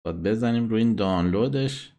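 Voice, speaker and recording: A man's voice: lowish voice, mellow. A man hosting a satellite call-in program, playing listener messages and bluntly scolding and insulting critics.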